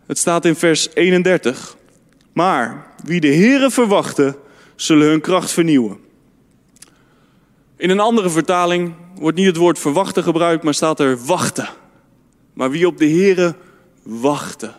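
A man's voice: a little high, measured pace, pauses often. A man preaching a fervent sermon to a youth congregation in a church hall, often calling out amen and hallelujah. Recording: long hall reverb.

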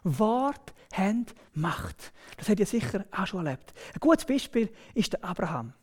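A woman with a Swiss German accent, preaching a sermon emphatically, with exclaimed interjections and hushed, near-whispered phrases. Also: mid-range voice, sing-song, measured pace, breathy edge. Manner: emphatic, with exclaimed "wow" and "hey"; drops to a near whisper at times.

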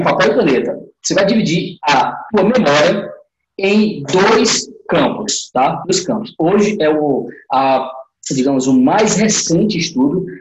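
A man's voice: on the high side, echoey room, low-quality recording. A man giving a casual live lesson, talking straight to his viewers with lots of fillers. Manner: chatty, talks straight to viewers with many fillers. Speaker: teacher on a live class.

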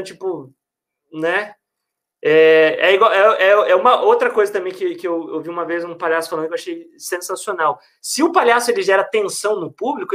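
Animated man telling clown stories. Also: high voice. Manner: animated storyteller, slangy. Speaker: hospital clown and researcher. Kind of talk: casual conversation.

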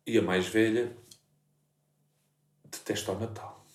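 A man's voice: lowish voice, slow, roomy sound. A man in his thirties with a European Portuguese accent, casually chatting and telling stories with lots of swearing and laughter. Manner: animated storyteller, swears freely, laughs often. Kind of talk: casual chat.

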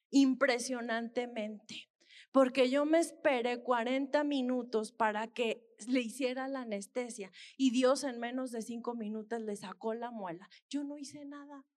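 Woman preacher, high-pitched, deliberate pace, sincere testimony that keeps calling out to the brothers. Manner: earnest storytelling, repeatedly addressing listeners as brothers. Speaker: missionary dentist. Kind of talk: testimony sermon to a congregation.

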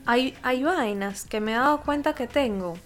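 A young woman with a Venezuelan accent, co-hosting a podcast in slangy, animated casual chat. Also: high-pitched, normal speed. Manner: chatty, slangy, animated storytelling. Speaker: podcast co-host.

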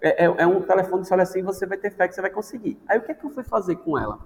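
On a podcast, a Brazilian man who teaches languages chats casually and animatedly, playfully acting out the voices he quotes. His voice is high-pitched and somewhat dark in tone, and he talks very fast. The recording has a long reverb and faint background noise.

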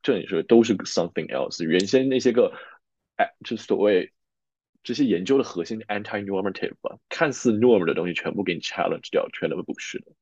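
A man's voice: fairly low pitch, fairly quick, darkish tone, husky, dry recording. A man hosting a podcast who talks through his readings in a reflective, casual way, mixing Chinese and English. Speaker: podcast host. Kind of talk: casual academic chat. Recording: dull, dry sound.

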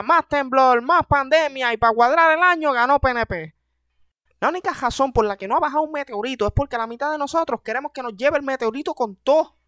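A young man with a Puerto Rican accent doing an animated, self-mocking comedic monologue as a podcast host, heavy on slang. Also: very high voice, clean tone, dry recording, studio quality.

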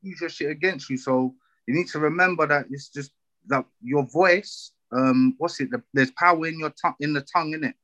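Forceful London man, slightly muffled recording. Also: a little high, fairly quick, no echo. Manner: slangy, emphatic, checks listener follows. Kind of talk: casual opinionated discussion.

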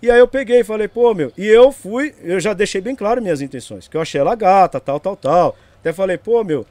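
Appearing as a guest in a casual interview, a man tells his side of a story in a high, animated, somewhat mellow voice at a slightly fast pace. He rambles, checks in with the listener, and tags his lines with "entendeu?" and "meu," with no room sound on the recording.

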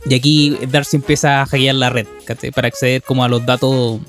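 A man's voice: medium pitch, little pitch movement, brisk, a bit bright, faint music behind. A man with a Chilean accent co-hosting a casual chat, retelling scenes of a series in loose, slangy storytelling. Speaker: podcast co-host.

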